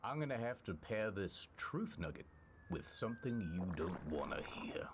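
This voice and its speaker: Man, comedic scripted narrator, theatrical, mock-serious, animated pitch, faint background noise. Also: moderate pace. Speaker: video narrator and ad presenter.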